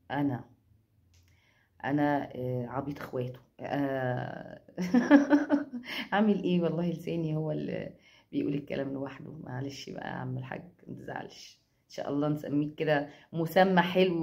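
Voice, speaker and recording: A young woman with an Egyptian accent giving a casual spoken reading to her viewers, teasing and animated. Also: fairly low pitch. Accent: Egyptian Arabic.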